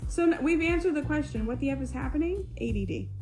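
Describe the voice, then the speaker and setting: A woman's voice: high-pitched, lively intonation, fast talker, dark tone, soft background music. A young adult woman co-hosting a podcast, telling stories in casual chat and laughing often. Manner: chatty storyteller, laughs often. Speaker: podcast co-host.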